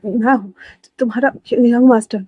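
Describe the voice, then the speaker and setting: A woman's voice: fairly high pitch, steady tone, normal speed, no echo, narrow, tinny audio, lightly acted. A woman voicing a possessive young man who stammers as he insists and coaxes. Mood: anguished insistence. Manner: stammering, insistent, then soft and coaxing. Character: possessive, anguished young male alpha.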